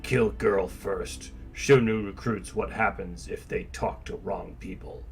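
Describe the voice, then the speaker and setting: A man's voice: low-pitched, fairly even intonation, takes it slowly, vocal fry, slight background noise, voice pushed down, exaggerated voice. A man voicing a brutal gang death lord from a video game, talking like a barbarian in blunt, broken commands. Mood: cold, menacing. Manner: talks like a barbarian, blunt article-dropping commands. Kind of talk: reading video game cutscene dialogue in character. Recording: loud music behind. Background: music.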